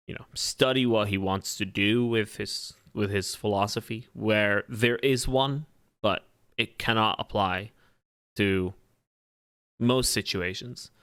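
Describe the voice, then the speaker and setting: A man's voice: on the low side, a bit bright, clear, resonant tone, no echo, studio quality. A man co-hosting a casual football podcast, chatting along with fillers and repeated words. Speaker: podcast co-host. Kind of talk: casual chat.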